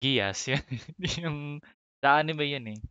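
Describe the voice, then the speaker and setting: A man's voice: medium pitch, slow pace, sharp tone, clear, resonant tone, no room sound, muffled recording. A man chatting casually while gaming, reading out item names and mixing in English. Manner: reads out item names, code-switching, chuckles. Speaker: gamer co-host.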